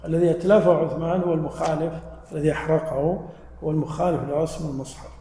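A man's voice: a little high, fairly even intonation, fast talker, warm tone. A man teaching a religious lesson to a live audience, explaining patiently and quizzing listeners with questions. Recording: echoey hall with long reverb.

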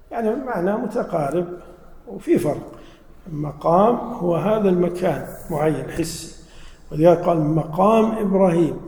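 In a spacious hall with long reverb and a little hiss or hum, a man with a fairly high, mellow voice teaches a religious lesson. He explains things by asking his audience questions and supplying the answers himself.

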